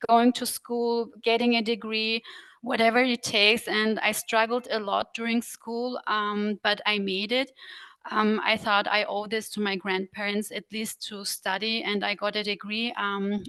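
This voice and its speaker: A young woman from Austria, a guest on a podcast, telling her story in a steady, measured way with some fillers. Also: medium pitch, smooth, no room sound. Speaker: podcast guest, integration consultant. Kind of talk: conversational interview.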